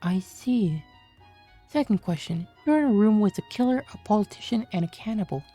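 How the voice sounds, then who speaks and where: A woman's voice: medium pitch, lively intonation, mellow, husky, faint music behind. A woman reading as a sly male doctor. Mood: probing. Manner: measured, questioning delivery. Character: smooth-talking male doctor questioning a cop. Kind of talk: reading game dialogue aloud.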